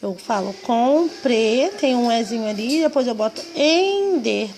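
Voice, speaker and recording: A woman's voice: a little high, big pitch swings, moderate pace, gravelly, darkish tone, a little hiss or hum. A woman teaching a lesson to children, patiently stretching out words and syllables.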